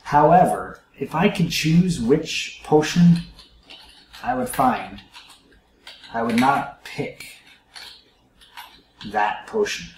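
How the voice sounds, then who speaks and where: A man's voice: mid-range voice, animated, slow, long pauses, darkish tone, roomy sound, a little hiss or hum, low-quality recording. A man hosting a let's play, musing aloud to his viewers in casual gameplay commentary.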